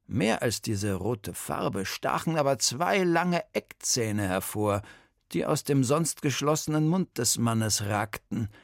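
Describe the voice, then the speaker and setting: Male storyteller, even audiobook narration, dry gravelly voice. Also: medium pitch, takes it slowly, dry recording.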